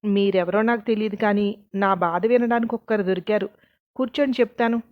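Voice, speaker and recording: A woman's voice: medium pitch, steady tone, a little fast, dry recording, highs cut off, lightly acted. A woman voicing a wary, defensive young college student in a storybook reading, with a suspicious, questioning manner. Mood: sad.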